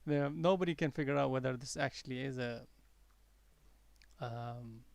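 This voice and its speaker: A man with a gravelly, creaky voice and an accent that blends American and British English. He talks through live trades in a loose, chatty way, trailing off into fillers and false starts. The sound is close and dry, with no room around it. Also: mid-range voice, moderate pace, no room sound. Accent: mixed accent, partly American-tinged English learned abroad, softened by years in the UK. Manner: chatty and rambling, with many fillers and restarts. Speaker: day-trading livestream host. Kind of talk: casual live trading commentary.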